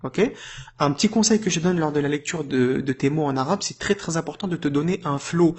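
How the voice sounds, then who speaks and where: A man with a slightly higher voice talks a learner through a lesson in a friendly, informal way. He keeps checking that the listener follows and slows right down to stretch out each syllable. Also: husky. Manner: patient, informal, chuckles and checks in with "d'accord?"; stretches out syllables slowly when modelling sounds. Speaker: Arabic reading teacher. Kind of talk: casual tutorial addressed to the viewer.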